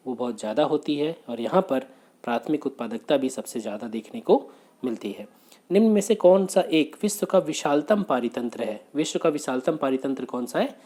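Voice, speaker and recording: A man teaching exam prep, working briskly through quiz questions, asking rhetorical questions and repeating the answers. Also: on the high side, mellow. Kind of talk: exam question walkthrough lecture.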